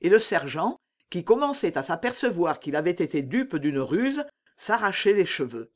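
Animated audiobook narrator. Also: mid-range voice, normal speed. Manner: lively, animated storytelling. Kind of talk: expressive audiobook reading of a classic novel.

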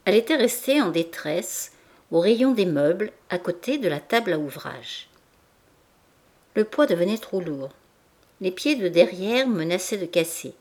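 A woman narrating a classic novel as an audiobook in a measured, even literary reading. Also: lowish voice. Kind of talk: scripted narration.

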